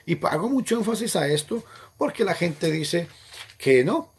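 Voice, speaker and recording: A man's voice: high-pitched, sing-song, moderate pace, slight background noise. A man preaching a Bible teaching sermon, emphatic and repetitive, rising sharply when he quotes scripture. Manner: emphatic, repeats points, rises sharply on quoted lines.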